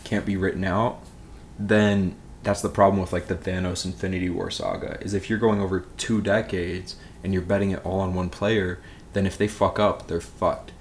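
A man's voice: deep voice, little pitch movement, normal speed, a little hiss or hum. A man in his twenties, a podcast co-host chatting casually about films, rambling with lots of filler words. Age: 20s. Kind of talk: casual film chat.

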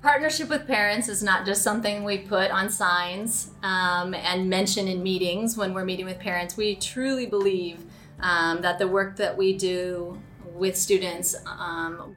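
An educator advising parents gives a spontaneous, explanatory interview answer, thinking aloud as she goes. Her voice is on the low side and a bit bright, steady in tone and measured in pace. The recording carries clear room noise and ambience.

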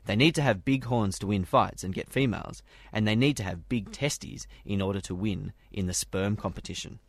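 A man with a fairly low voice reads prepared science news. The recording is dry, with hardly any room sound around him. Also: normal speed, creaky, no room sound. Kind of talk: scripted news reading.

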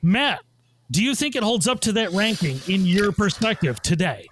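Male podcast moderator, high-pitched and animated, conversational delivery. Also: moderate pace, a little hiss or hum. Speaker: podcast host moderating a panel. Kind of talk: casual podcast discussion.

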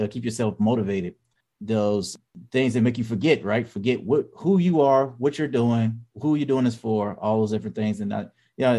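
A man in his thirties co-hosting a podcast, talking casually and haltingly with many restarts. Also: lowish voice, mellow. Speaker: podcast co-host. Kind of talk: casual chat.

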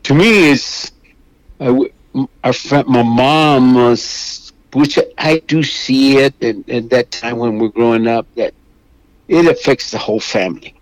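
An older man from Mexico, a guest on a radio show, telling his story slowly with many restarts and fillers. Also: medium pitch, steady tone, dry recording, rough recording. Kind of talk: phone interview.

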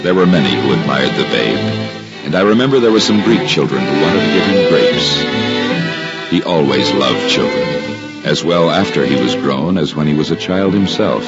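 Joseph, a gentle and devout husband, reflectively recounts his memories of sacred days in a solemn, measured, formal way. He is a man with a very deep voice and huge pitch swings, giving a full character performance. The recording is a dull 1950s radio drama with prominent music behind him.

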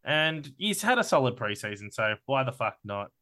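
An Australian man co-hosting a casual sports podcast, excitable and swearing freely as he talks through his team picks. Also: medium pitch, moderate pace. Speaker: podcast co-host.

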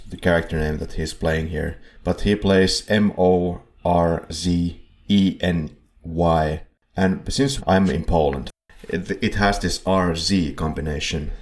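A man co-hosting a film podcast in a casual chat, rambling a bit and chuckling at his own slips. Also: sits low. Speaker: podcast co-host. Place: home setup in Poland.

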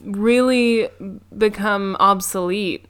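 A woman with a smooth, clear voice recaps a film's plot in a relaxed podcast chat. She is playful, jokes along the way, and leans on "um" and "like" as she goes. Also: medium pitch, takes it slowly. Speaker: podcast co-host. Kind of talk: casual movie review chat.

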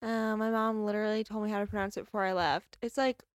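A woman's voice: mid-range voice, level tone, quick pace, slight background noise. A young woman co-hosting a casual chat podcast, bubbly and giggly, laughing often between remarks. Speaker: podcast co-host.

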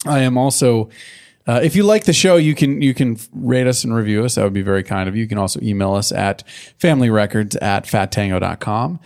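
A man's voice: fairly low pitch, creaky, darkish tone. A man hosting a podcast, joking with his guests before running through the show's plugs in a casual way. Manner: joking, quick to riff. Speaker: podcast host. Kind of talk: casual chat and show plugs.

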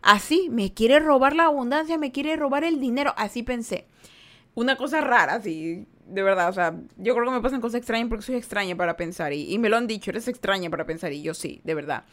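A woman with a Guayaquil Ecuadorian Spanish accent hosts a storytelling podcast. Her voice sits high, and she tells the tale in an animated way, acting out her own shouts. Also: fairly quick. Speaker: podcast host.

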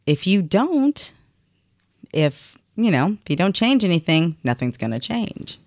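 A woman from Puerto Rico chatting casually on a podcast, animated and fond of acting out what other people say. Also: lowish voice, measured pace. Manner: animated, acts out quoted voices, laughs often. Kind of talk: casual chat.

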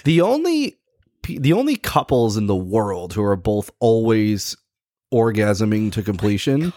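A man's voice: fairly low pitch, darkish tone, no echo, clean studio sound. A man around forty co-hosting a podcast in casual chat, joking and blunt, laughing often. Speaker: podcast co-host.

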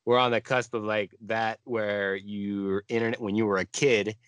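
Halting low-voiced man in his twenties. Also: steady tone, a bit bright, clean tone, dry recording. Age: 20s. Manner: halting, filler-heavy. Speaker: guest musician. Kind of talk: casual conversational interview.

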